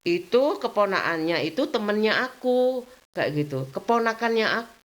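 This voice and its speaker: A woman's voice: animated, moderate pace, muffled recording. Chatty middle-aged woman. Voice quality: rambling, chatty, laughs often. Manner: acts out quoted voices at a higher pitch. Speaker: vlogger. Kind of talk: casual home vlog chat. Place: her home.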